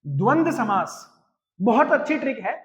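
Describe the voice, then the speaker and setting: A man's voice: extremely high pitch, sing-song, moderate pace. A young man teaching Hindi grammar for exams, pushy and coaxing, tagging his sentences with "है ना" and "भाई साहब". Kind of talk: energetic exam-prep lesson. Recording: dull lo-fi audio with long reverb.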